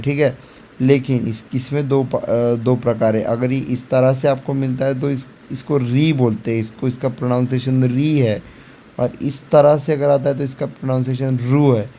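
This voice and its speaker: A man's voice: medium pitch, mellow, slight background noise. A man teaching Sanskrit in a patient lecture style, repeating points, quizzing the student, drawing out each syllable and mixing in English words. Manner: mixes English words into Hindi; drags out syllables when spelling sounds. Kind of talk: classroom lecture.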